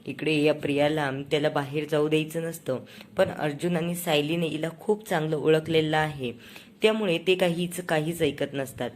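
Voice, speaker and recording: A woman's voice: fairly even intonation, moderate pace, a little mellow. A woman with a Marathi accent casually retelling a TV serial episode, acting out the characters' lines as she goes. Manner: acts out characters' lines in quotes with raised pitch. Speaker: serial recap narrator.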